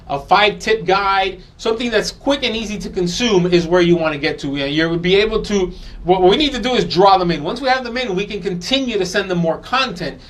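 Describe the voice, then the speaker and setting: A man's voice: high-pitched, fairly bright tone. A man hosting a marketing show, giving advice in a loose, conversational way with many ums and restarts. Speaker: podcast host.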